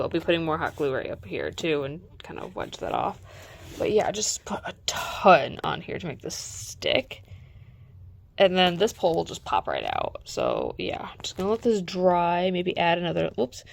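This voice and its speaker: A woman's voice: lowish voice, big pitch swings, a little fast, creaky, few pauses. A woman talking casually while she makes a craft prop, rambling and correcting herself with lots of fillers. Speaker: prop maker. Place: home workspace, indoors.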